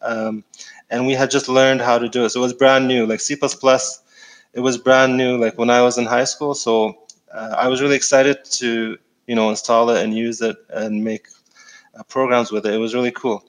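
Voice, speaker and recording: Middle-aged man from Egypt, interview guest, easygoing and halting, mid-range voice. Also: medium pitch, low-quality recording. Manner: relaxed, many fillers and restarts. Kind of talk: casual interview.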